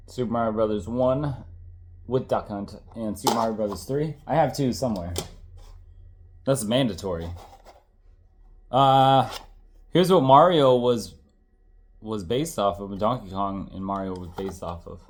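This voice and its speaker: Showing off his collection of old games, a man in his thirties chats and rambles, sounding congested and worn out. He corrects himself and curses occasionally in a lowish voice, with slight background noise in the recording.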